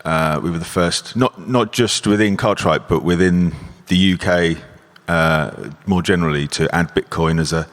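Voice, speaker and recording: A man on a conference panel, explaining in a measured, structured way. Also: low voice, fairly bright tone. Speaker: panelist, investment adviser. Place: conference hall.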